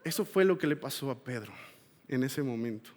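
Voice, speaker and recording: A man preaching a sermon, moving between loud appeals and hushed, confessional passages. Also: medium pitch, lively intonation, brisk. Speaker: pastor. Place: church hall. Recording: long hall reverb.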